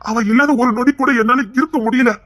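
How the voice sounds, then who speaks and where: A man's voice: extremely high pitch, fairly even intonation, fast, a bit bright, no room sound. Brief: man voicing a sorrowful husband in an audio story, earnest and begging, dry close sound. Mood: pleading. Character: remorseful rough husband, gently pleading. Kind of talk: Tamil audio story acting.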